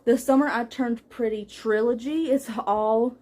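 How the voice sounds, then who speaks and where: A woman's voice: on the high side, measured pace, a little mellow. Chatty woman listing her books. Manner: chatty, listing titles with fillers and small laughs. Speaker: book vlogger. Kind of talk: casual book haul chat. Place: home room with bookshelves.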